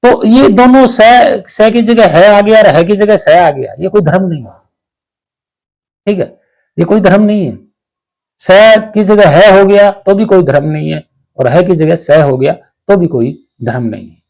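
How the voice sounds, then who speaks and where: A man giving a slow, explanatory spiritual discourse, often checking that listeners follow. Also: high-pitched, lively intonation, vocal fry, darkish tone. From Haryana, India. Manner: slow, explanatory, asks "ठीक है" to check understanding. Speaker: spiritual teacher.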